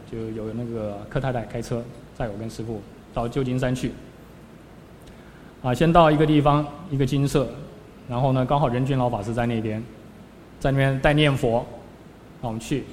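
A man's voice: mid-range voice, fairly even intonation, a little fast, darkish tone. A man, a Buddhist monk, giving a storytelling sermon, acting out scenes with sudden rises and drops in his voice. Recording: long hall reverb with faint background noise.

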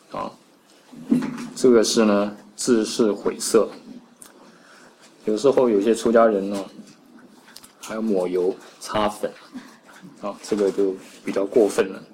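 Man, Buddhist monk, low voice, Dharma lecture, slow recited passages, frequent "ah" fillers. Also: steady tone, darkish tone, slight background noise, poor audio. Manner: recites each passage slowly, then explains it with frequent "ah" fillers. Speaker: Buddhist monk teaching scripture. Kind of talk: Dharma lecture explaining a text line by line.

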